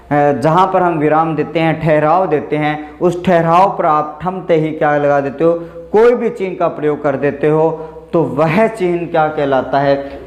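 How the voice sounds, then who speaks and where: A man teaching a grammar lesson for an exam, explaining step by step and repeating the example phrases while he asks and answers his own questions. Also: a little high. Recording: roomy echo.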